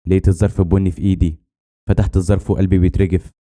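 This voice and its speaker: A man's voice: low voice, little pitch movement, very fast, mellow. A man with an Egyptian Arabic accent telling a dramatic first-person story in a tense way.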